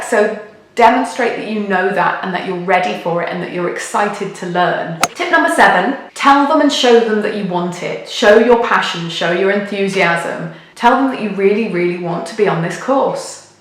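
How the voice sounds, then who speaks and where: A woman's voice: medium pitch, normal speed. British woman in a very echoey room. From United Kingdom. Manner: emphatic, encouraging, repeats key words for stress. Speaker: video host, midwifery adviser. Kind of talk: direct-to-viewer advice video. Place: echoey, sparsely furnished room in a house. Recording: big echoey hall-like room sound.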